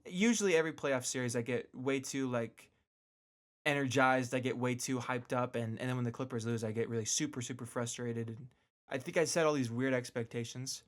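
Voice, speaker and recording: A man runs a laid-back solo radio show, speaking fairly quickly at medium pitch. He drops slangy asides and repeats words to drive points home.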